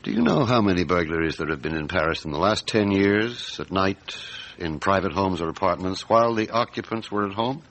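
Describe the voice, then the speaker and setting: An actor playing a gruff, methodical veteran police inspector in a radio drama, speaking in a terse, deliberate, authoritative way. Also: male voice, deep voice, fairly bright tone, poor audio. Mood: dry, assured. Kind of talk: radio drama acting with narration.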